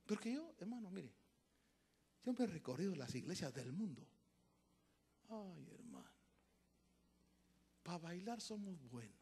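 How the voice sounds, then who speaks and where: Animated preaching man, gravelly and husky. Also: sits high, unhurried, long pauses. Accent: Central American Spanish. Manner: animated preaching, swinging from shouts to hushed asides with laughter. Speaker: pastor. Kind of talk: sermon.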